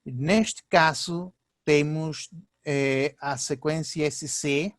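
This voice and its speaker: A male linguistics professor, lecturing through slides in a halting way, with many fillers and "ok?" checks. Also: fairly high pitch, no room sound.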